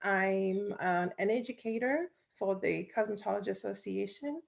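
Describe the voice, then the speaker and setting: A woman hair specialist speaking on a panel, unhurried and pausing often. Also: medium pitch, vocal fry. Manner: unhurried, many "um" pauses. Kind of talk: panel discussion.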